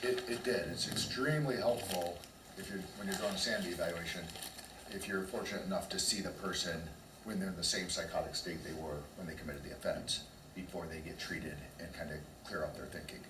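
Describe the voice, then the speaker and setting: A man testifying as an expert witness in court, measured and hesitant with many fillers, in a courtroom recording. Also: low voice, steady tone. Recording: distant echoey courtroom mic with noise.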